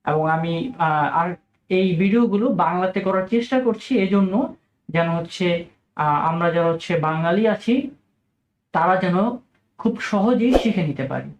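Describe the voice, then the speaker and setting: A man's voice: high-pitched, lo-fi sound, a little hiss or hum. Man teaching in an echoey room. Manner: slow, deliberate repetition of each example word. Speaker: English pronunciation teacher. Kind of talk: video lesson to camera.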